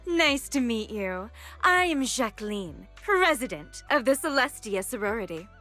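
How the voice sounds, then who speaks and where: Anime game rich-girl heiress: bright, highish, snooty, condescending, fake-polite. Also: sing-song, measured pace, faint music behind, heavily acted. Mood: smug, disdainful. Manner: snobbish chaebol-heir air, condescending, mockingly polite. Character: haughty rich young heiress, sorority president, mean classmate.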